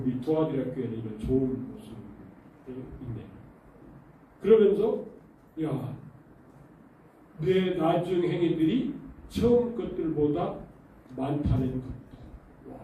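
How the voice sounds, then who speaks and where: A man's voice: on the high side, unhurried, pauses often, recorded from a distance, slight background noise. A male pastor preaching a sermon in a church, telling stories and throwing questions at the congregation. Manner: animated storytelling with rhetorical questions to the congregation. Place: church sanctuary. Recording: very echoey church hall, voice off-mic.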